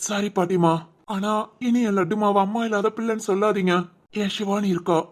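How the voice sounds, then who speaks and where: A woman voicing a patient young father who soothes his crying daughter, in an animated family story. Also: medium pitch, brisk, close to an everyday voice. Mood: soothing. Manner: soothing, reassuring.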